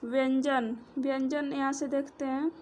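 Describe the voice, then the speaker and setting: A woman teacher giving a grammar lesson, explaining slowly and counting out letters one by one. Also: sits high, flat delivery, darkish tone, slight background noise. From India. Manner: slow, drawn-out, explanatory, counting letters aloud.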